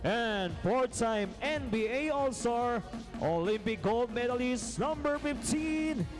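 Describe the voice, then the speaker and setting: A man calling player introductions in an indoor arena, stretching out the names in a booming way over the public address system. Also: music in the background. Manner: drawn-out, booming name calls. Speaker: arena announcer.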